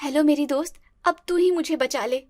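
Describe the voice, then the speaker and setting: A woman's voice: high voice, normal speed, darkish tone, no echo, studio quality, lightly acted. A woman voicing a timid young daughter-in-law. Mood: anxious. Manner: stammering, pleading, fretful. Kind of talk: cartoon voice acting.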